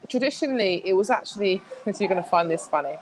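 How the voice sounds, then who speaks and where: A woman's voice: medium pitch, animated, fast talker, slight background noise, low-quality recording. A woman speaking as a guest in a casual interview, chatty, with many restarts and fillers.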